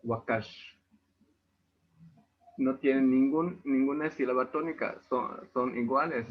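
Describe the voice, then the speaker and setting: A man's voice: mid-range voice, steady tone, a little slow. A man with a Yucatecan Spanish accent teaching a language class over a video call, explaining patiently. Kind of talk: online class lesson. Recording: tinny video-call audio.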